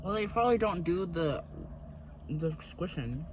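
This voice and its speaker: A woman's voice: lowish voice, animated, unhurried, darkish tone, a little hiss or hum, poor audio. A young woman co-hosting a podcast, casually and bluntly retelling things she saw online. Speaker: podcast co-host. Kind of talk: casual chat.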